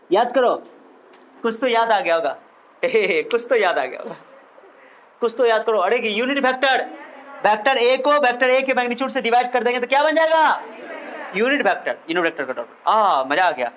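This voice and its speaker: A man's voice: high voice, a bit bright. A male physics teacher giving a classroom lecture, playful and teasing, repeating questions back to his students.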